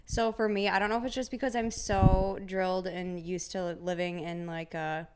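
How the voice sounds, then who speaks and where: A woman's voice: fairly low pitch, little pitch movement, normal speed, a little mellow, clear, resonant tone. Hesitant woman podcast co-host, thirty. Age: 30s. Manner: hesitant, searching for words. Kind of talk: casual chat.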